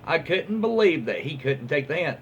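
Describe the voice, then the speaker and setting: His voice is on the high side and sing-song, keeping a moderate pace as he reads stories aloud. He's a male host with a Southern US accent and a casual, folksy, informal manner. The recording is muffled and lo-fi, with faint background noise.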